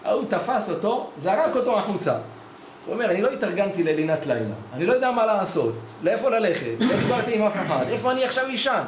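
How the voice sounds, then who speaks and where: Delivering his weekly Torah lesson in an echoey study hall, a rabbi tells a story and performs its dialogue. His voice sits high with big pitch swings, and the background is noisy beneath faint ambience.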